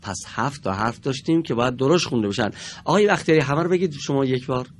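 A mid-range male voice belongs to a man giving a reading lesson on TV to children in a studio. He works slowly and patiently, sounding out each word for his pupils.

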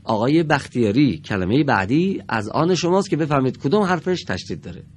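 A man teaching a televised reading lesson to children in a studio, patiently and slowly sounding out each word for his pupils. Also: mid-range voice, big pitch swings, slightly rough.

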